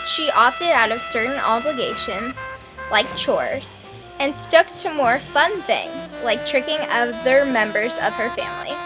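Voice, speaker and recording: Lively young woman reading narration. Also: on the high side, unhurried, over music. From Arkansas, USA. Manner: earnest, read-aloud delivery. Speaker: documentary narrator. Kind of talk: scripted narration.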